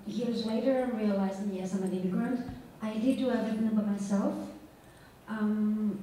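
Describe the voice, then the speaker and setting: A woman from Greece gives earnest, halting remarks at an open forum. Her voice is mellow and dark, picked up from a distance in a very echoey hall. A faint hiss sits under it. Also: a little high. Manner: earnest, hesitant with fillers. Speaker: symposium audience speaker.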